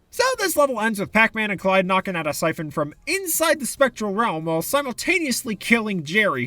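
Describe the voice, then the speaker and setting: A man's voice: sits high, a bit bright, dry recording. A man giving sarcastic, exasperated commentary for a video game review essay, into a close mic.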